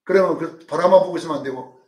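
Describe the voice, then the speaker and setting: A male pastor preaching a sermon, dramatic, swinging from loud calls to hushed asides and acting out quotes. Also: fairly high pitch, fast talker, distant mic. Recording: roomy sound from off-mic.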